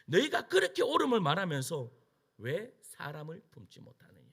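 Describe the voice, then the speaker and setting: A middle-aged male pastor preaches in a high voice that leaps wildly up and down. His tone is gravelly and husky. He keeps throwing rhetorical questions at the congregation and answering them himself. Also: huge pitch swings, normal speed, fairly bright tone. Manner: emphatic preaching with rhetorical questions and call-and-response. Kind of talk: sermon.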